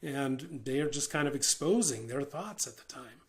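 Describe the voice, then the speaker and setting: A middle-aged man giving an informal talk on listening in marriage, relaxed, repeating words and using many fillers. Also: mid-range voice, normal speed. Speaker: marriage communication teacher.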